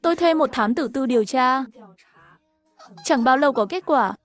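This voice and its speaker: A woman narrating a first-person story over animation, voicing every character herself in an even storytelling manner. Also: sits high, moderate pace, faint music behind.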